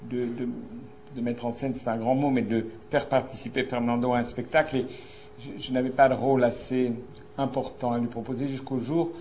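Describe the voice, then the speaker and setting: Older guy hosting a theatre night, slow intro, lots of euhs, bit of noise behind. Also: mid-range voice, flat delivery, a little mellow. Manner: slow, halting, with many fillers. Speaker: host, stage director introducing a guest. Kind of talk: stage introduction. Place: theatre, before an audience.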